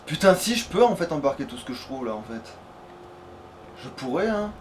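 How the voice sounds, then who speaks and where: A let's player with a fairly high, sing-song voice talks at a moderate pace, trading casual, slangy commentary with a friend and swearing freely. Game sound and ambient noise sit under the recording.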